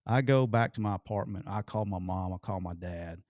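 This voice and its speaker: A man, telling a long, animated and profane story as a podcast co-host. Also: low-pitched, fairly quick, no room sound, dull audio. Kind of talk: casual storytelling chat.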